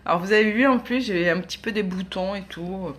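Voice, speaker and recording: A woman's voice: mid-range voice, brisk. A woman, chatting casually as a beauty vlogger demonstrating makeup, with many hesitations. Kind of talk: casual product demo.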